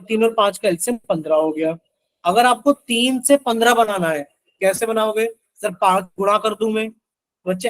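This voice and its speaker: A man with a high voice teaches math live, walking through each step and chanting the times tables as he goes. He keeps prodding the class to answer him. The sound is dry and close. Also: a bit bright, no echo, low-quality recording. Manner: coaxing, repeatedly asks students to answer; works sums aloud with Hindi multiplication-table chants.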